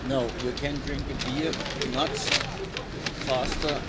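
An older man with a German accent, chatting casually for his sailing vlog, halting with many fillers. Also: mid-range voice, fairly even intonation. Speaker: sailing vlogger. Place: outdoors on a street and on a sailboat. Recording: loud wind and boat noise. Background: wind and water noise.

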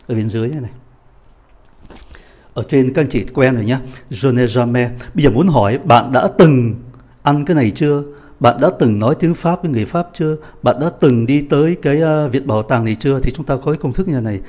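A man who speaks Vietnamese as his first language, teaching French grammar, patiently reading the French examples slowly with a Vietnamese accent. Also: medium pitch, mellow. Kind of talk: explaining grammar in a lesson.

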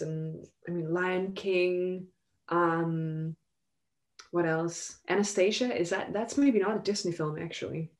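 A young Danish woman, appearing as a guest singer, chats casually in an interview over a video call on a headset from a room at home. Her voice is lowish, and she talks in a chatty way full of fillers and "likes."

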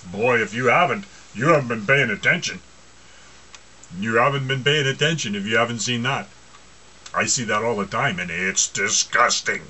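A man's voice: mid-range voice, normal speed, bright, forceful tone, slight background noise. A man preaching an informal sermon, mocking and asking rhetorical questions, often laughing to himself.

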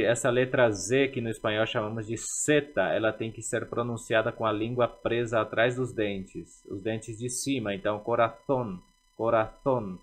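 A man teaching a language lesson, repeating words slowly and carefully to drill their pronunciation. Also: fairly low pitch.

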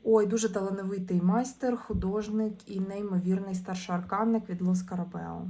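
A woman's voice: mid-range voice, fairly even intonation, a little fast, mellow. A woman chatting casually through an unboxing, with hesitant fillers and restarts. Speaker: vlogger unboxing tarot and esoteric goods.

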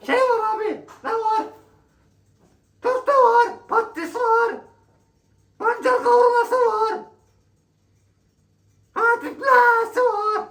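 A woman playing a loud, blunt, clumsy female shop worker in a comedy sketch, shouting and drawling rudely down the phone. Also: very high voice, full character voice. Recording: echoey room.

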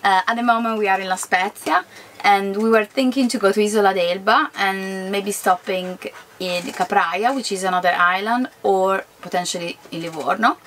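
A woman's voice: mid-range voice, normal speed, fairly bright tone, slight background noise. Woman co-host. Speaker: vlog co-host. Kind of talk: casual vlog chat. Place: inside a sailboat cabin.

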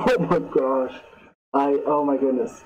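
A young man giving excitable let's play commentary, shouting at the game as he plays. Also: medium pitch, takes it slowly, a little hiss or hum, low-quality recording. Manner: excitable, exclamatory, talks to the game. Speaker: gameplay channel host.

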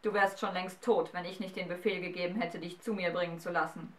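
Ein überheblicher Feuerriese, wie eine Vorleserin ihn spricht, der befiehlt und droht. Der Ton ist herrisch und kalt, die Aufnahme kommt hallig aus etwas Entfernung. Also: female voice, fairly low pitch, fairly even intonation, a little fast, reverberant, far from the mic, natural voice. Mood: drohend. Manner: commanding, menacing. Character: fiery male giant ruler, proud and threatening.

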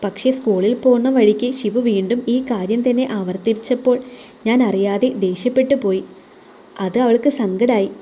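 A woman's voice: on the high side, normal speed, mellow, natural voice. A woman voicing a hurt, guarded young mother in an audio story, speaking in a subdued, weary way.

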